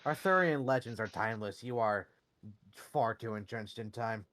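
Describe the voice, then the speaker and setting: A man's voice: fairly low pitch, normal speed, a bit bright. A man playing a tabletop game, bantering in character in a wry, slightly formal way.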